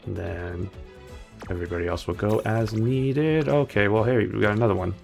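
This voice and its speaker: A man's voice: fairly low pitch, moderate pace, vocal fry, darkish tone. A man streaming a video game, chatting casually and rambling through his choices with playful asides. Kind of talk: casual gameplay commentary. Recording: background game music.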